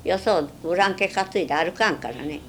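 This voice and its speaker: An elderly woman with a western Japanese Chugoku accent, reminiscing in a plain-spoken, halting way during an interview. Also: lowish voice, a little hiss or hum. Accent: western Japanese, Chugoku dialect. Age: 70s or older. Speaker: oral history interviewee.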